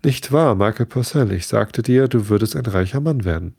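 A man reading a storybook and voicing a sly little old fairy man in a raised, creaky voice. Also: on the low side, expressive, moderate pace, a little mellow, dry recording, studio quality, exaggerated voice. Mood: teasing.

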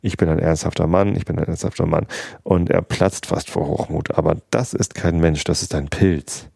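A man's voice: low-pitched, steady tone, normal speed, gravelly, darkish tone, breathy edge, dry recording, studio quality, full character voice. A man reading a storybook aloud and voicing a small, earnest boy prince who keeps asking questions and grows indignant. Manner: insistent questioning, rising to angry pleading.

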